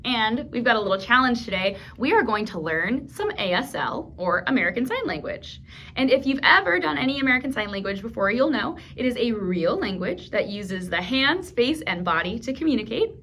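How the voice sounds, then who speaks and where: At a library, a high-voiced woman hosts a toddler storytime in a small indoor room, giving instructions to toddlers and their caregivers. She talks fairly quickly, animated and encouraging, with simple, clear phrasing for young children. There's a slight hiss or hum on the recording.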